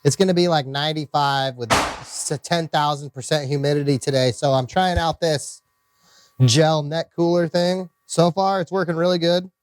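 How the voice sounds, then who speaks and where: A gun channel host from Iowa, judging by his accent, rambles and corrects himself during a relaxed outdoor range video, calling out ammo test readings. His voice is on the high side and steady, moderately paced, with a little hiss or hum.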